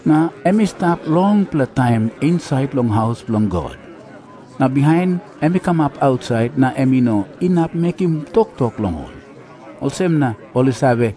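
A man's voice: mid-range voice, sing-song, normal speed, dark tone. A man with a Papua New Guinean accent narrating scripture as a story in Papua New Guinean Pidgin.

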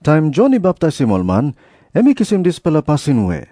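A man's voice: fairly high pitch, huge pitch swings, brisk, warm tone, dry recording, studio quality. A man with a Papua New Guinean accent playing an authoritative teacher in an audio Bible drama. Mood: firm, challenging. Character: Jesus, an authoritative male teacher and preacher.

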